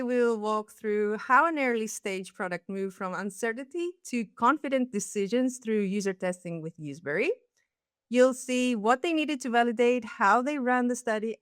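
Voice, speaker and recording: A woman opens a webinar with a polished, scripted introduction. Her voice is slightly high, smooth and clear. The recording is dry and close. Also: dry recording. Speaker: webinar host.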